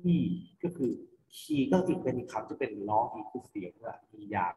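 A man's voice: medium pitch, wildly swooping pitch, moderate pace, vocal fry, mellow. A male teacher with a Thai accent giving an online phonics lesson to children, patiently spelling words letter by letter and answering his own questions. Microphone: computer mic for online class. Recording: echoey, reverberant room.

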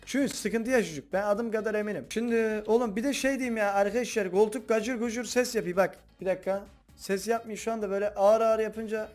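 A man hosting a game video, chatting casually and excitably to his viewers as he plays. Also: sits high. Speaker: gaming video host. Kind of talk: casual gameplay commentary.

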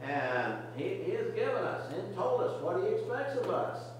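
A man's voice: high voice, very animated, moderate pace, a little hiss or hum. An older man preaching a sermon from a church pulpit, earnest and exhorting, often restarting his words. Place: church sanctuary, medium size, indoors. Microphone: podium mic, camera far at back of room. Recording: very echoey distant church recording.

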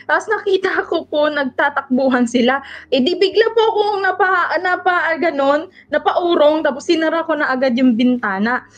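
High-voiced Filipina woman recounting an ordeal. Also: moderate pace, highs cut off. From Philippines. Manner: polite, adds respectful particles and retells events step by step; earnest and shaken while recounting. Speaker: caregiver telling her survival story as interview guest. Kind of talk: emotional first-person testimony in an interview.

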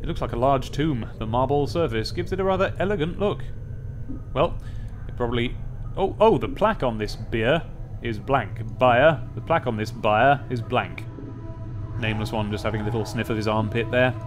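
A young British man gives casual, wry game commentary as a let's play host, his mid-range voice moving at normal speed through rambling asides and bits of dramatic reading. He's recorded close on a desk microphone with a pop filter in a small indoor room, with game music in the background.

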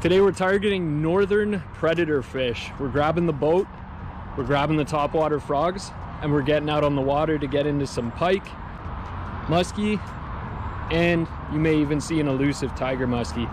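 A man's voice: a little high, moderate pace, noisy background. A man in his thirties hosting a fishing vlog, talking upbeat and casually to the camera from a riverbank. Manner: upbeat, animated address to viewers. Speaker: fishing vlogger host. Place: outdoors on a riverbank.

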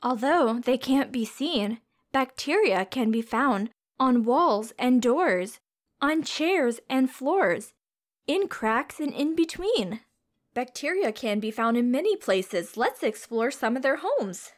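A woman with a high, expressive voice reads a storybook aloud to young children, taking it slowly. Like a teacher, she adds simple questions and explanations along the way.

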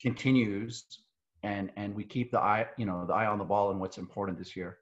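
Dull, lo-fi video call audio through an earbud headset carries a lowish, level male voice speaking fairly quickly. He's a Syrian man in his forties who heads a civic organization, appearing as a webinar guest from his living room, talking casually with jokes and repeated restarts.

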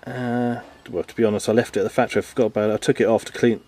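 Here the vlogger's voice is lowish and darkish, with fairly even intonation and a rapid-fire pace. Holding a camera in his garden workshop outdoors, he rambles through a boat repair in a casual how-to style, self-deprecating and packed with ums.

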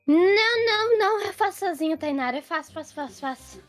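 A woman's voice: sits high, lively intonation, moderate pace, no room sound. A woman voicing an anxious, lazy young housemaid who pleads not to be fired. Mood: evasive. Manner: frantic pleading, fretful self-talk. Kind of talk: Roblox role-play voicing.

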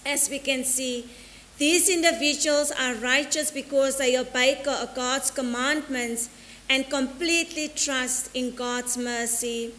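A middle-aged South African woman priest delivers a measured, deliberate sermon at the altar of a church sanctuary, slowing for quotations. Her high, fairly bright voice stays fairly even. She's on a stand mic filmed by a fixed camera, with long church reverb and faint hiss.

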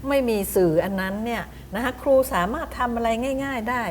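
A middle-aged woman teacher with a fairly high voice lectures other teachers on reading methods, slowly spelling out words as demonstrations and often questioning her audience. There is a little hiss or hum on the recording.

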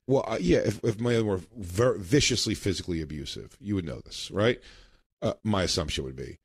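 A man's voice: deep voice, expressive, a little fast, breathy edge, no room sound, studio quality. A man co-hosting a podcast in casual chat, a telling rambling stories and laughing mid-sentence. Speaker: podcast co-host.

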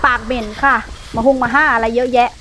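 A woman's voice: fairly high pitch, fairly even intonation, a little fast, noisy background. A woman streaming a horror game, casually commentating and teasing the ghosts with brash, crude slang.

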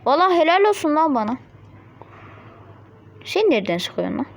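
A woman's voice: sits high, very animated, normal speed, a little hiss or hum. A woman giving casual gameplay commentary on a mobile game, chatting to viewers and blurting out sudden yelps and insults at opponents. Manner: chatty running self-talk to viewers.

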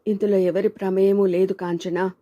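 A woman's voice: mid-range voice, little pitch movement, moderate pace, lo-fi sound, lightly acted. A woman voicing a heartbroken, resigned woman novelist in a storybook reading, speaking with bitterness. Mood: bitter.

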